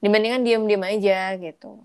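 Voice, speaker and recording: A woman's voice: medium pitch, fairly even intonation, moderate pace, darkish tone, clean tone. Chatty woman explaining with examples. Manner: chatty, explains with examples, mixes in English phrases. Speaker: podcast co-host. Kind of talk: casual chat.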